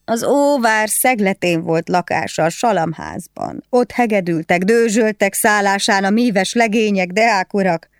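A woman reader voicing a coarse fiddler's wife locked in a cell, begging and screeching curses in a raised, shrill voice. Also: animated, hardly any pauses, no room sound, clean studio sound, lightly acted. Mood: gossiping. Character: wailing, coarse fiddler's wife, shrieking prisoner. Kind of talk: audiobook character voice.

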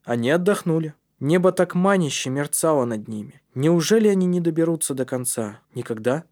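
A man reading a storybook aloud as narrator in a steady, measured way. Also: fairly high pitch. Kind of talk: audiobook narration.

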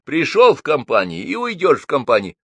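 Man doing a loud pushy neighbor. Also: a little high, wildly swooping pitch, fairly quick, slightly rough, dry recording, pitched above the performer's own voice, full character voice. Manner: insistent, bossy, folksy. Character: pushy loud middle-aged male neighbor.

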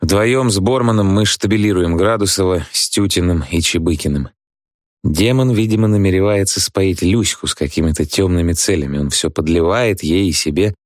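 A man narrating a story calmly in the first person, as an audiobook reader. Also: sits low, normal speed, dry recording, studio quality. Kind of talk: scripted narration.

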